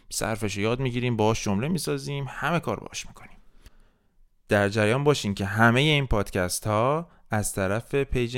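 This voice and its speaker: A man hosting a podcast French lesson, modeling verb forms slowly for the listener to repeat. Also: lowish voice, clear, resonant tone. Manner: slow, drilled repetition of French words for the listener. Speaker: French teacher.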